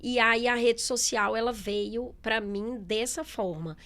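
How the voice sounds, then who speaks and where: A middle-aged businesswoman in a relaxed interview, talking candidly with many fillers and quoted asides. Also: on the high side, slow pace. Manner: chatty, candid, lots of fillers and quoted speech. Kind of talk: casual interview talk.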